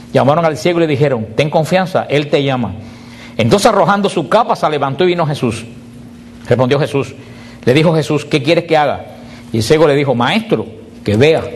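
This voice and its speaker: A middle-aged man, a catechist teaching a Bible class, animated and asking rhetorical questions he then answers himself. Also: a little high.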